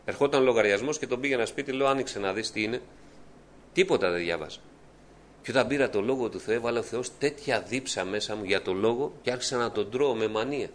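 A man's voice: medium pitch, slight background noise. A middle-aged man preaching a fervent testimony sermon, often calling out to his beloved brethren. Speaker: church preacher giving testimony.

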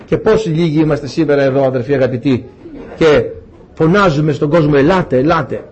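A man's voice: on the high side, a little mellow, slightly rough. A man preaching a sermon to his congregation, calling out to them and raising his voice for the quoted calls.

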